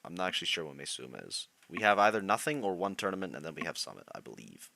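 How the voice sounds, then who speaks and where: A young male streamer talking casually to his chat, with a low voice that swings up and down. His tone is bright and a little sharp. He laughs easily and keeps reacting to what viewers say. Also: sing-song, fast talker, creaky, dry recording. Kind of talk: casual live-stream commentary.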